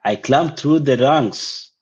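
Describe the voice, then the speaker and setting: A man's voice: mid-range voice, slow pace, darkish tone, husky. A young man with a Kenyan accent explaining things in slangy, casual chat, switching between languages. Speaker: caller, army corporal. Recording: dull, lo-fi online call audio.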